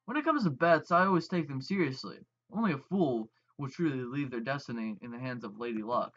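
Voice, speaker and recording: A man who plays video games for an audience, reading a visual novel's narration aloud slowly and evenly, with some restarts. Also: mid-range voice, expressive, fairly bright tone, lo-fi sound. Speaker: let's-play gamer.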